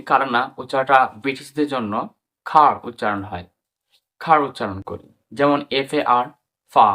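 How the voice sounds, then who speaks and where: A man with a Bengali accent teaching an English pronunciation lesson, spelling out words letter by letter and repeating them slowly. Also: medium pitch, bright, forceful tone.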